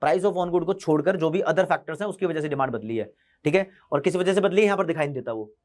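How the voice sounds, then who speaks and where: A man teaching an online economics class, repeating key English terms slowly for his students. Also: on the high side, darkish tone. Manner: mixes Hindi with English terms.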